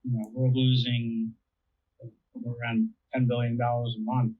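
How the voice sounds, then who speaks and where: Over a thin, phone-like narrowband connection, an interviewee breaks down how air traffic control works. His medium-pitched voice stays level and unhurried, and he talks casually, leaning on everyday comparisons.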